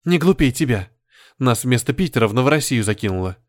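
A man voicing a sharp-tongued young woman in his own plain reading voice. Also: medium pitch, expressive, quick pace, dry recording, clean studio sound, natural voice.

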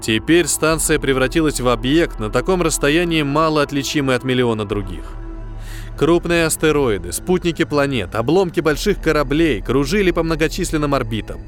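A man's voice: a little high, animated, normal speed. A man reading dramatic science fiction narration as an audiobook narrator. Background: faint music.

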